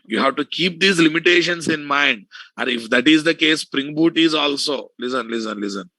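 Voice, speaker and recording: A man's voice: on the high side, normal speed, gravelly, sharp tone, no echo, rough recording. A man with a Telugu accent lecturing students informally as an instructor, repeating phrases and often checking that they follow. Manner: repetitive, checking often for understanding. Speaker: software instructor teaching an online class.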